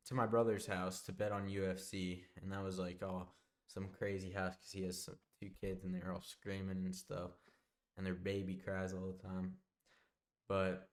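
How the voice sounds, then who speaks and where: Low-voiced young man rambling a story. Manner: rambling, loose storytelling with frequent backtracking. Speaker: vlogger. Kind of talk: casual storytime monologue.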